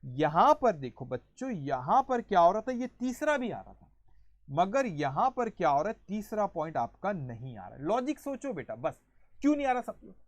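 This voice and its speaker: A male accounting teacher giving an online lecture in a lively storytelling manner, going through each point step by step and counting them off aloud. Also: high-pitched, normal speed, no room sound. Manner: explains step by step, counting points aloud and calling students "beta"; lively storytelling, acting out an example.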